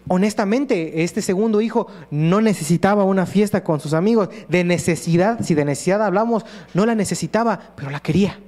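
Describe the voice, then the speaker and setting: High-voiced preacher with a faint hum. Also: male voice, fairly quick, few pauses, darkish tone. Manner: earnest, acts out prayers and quotes in voices. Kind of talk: sermon.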